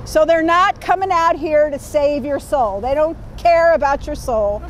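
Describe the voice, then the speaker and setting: A woman's voice: high-pitched, unhurried, slight background noise. A woman leading a community training, reading a guide aloud to a group in a projecting teacher voice and checking in with them.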